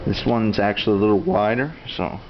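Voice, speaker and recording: Low-voiced man giving a casual hands-on tutorial. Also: animated, fairly quick. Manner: plainspoken, matter-of-fact. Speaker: instructor demonstrating duck call tuning. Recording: dull lo-fi sound with clear background noise.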